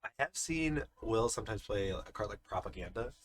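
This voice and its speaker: A man's voice: lowish voice, animated, brisk, a little hiss or hum. A man giving live card game commentary, explaining the plays step by step in an analytical way. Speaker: tournament commentator.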